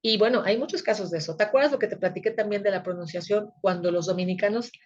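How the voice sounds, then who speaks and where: A woman's voice: medium pitch, fast, dull audio. A woman, teaching a recorded video lecture in a conversational way that often checks her listeners are following. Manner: conversational, frequent checking tags.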